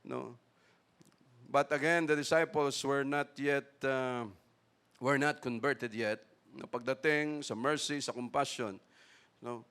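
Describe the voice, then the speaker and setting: A Filipino man preaches a sermon in Taglish with a Filipino accent, often tagging lines with "no?" and acting out the voices of people in the story. His medium-pitched voice is fairly even, slow, and a bit bright, with long pauses and a clean tone.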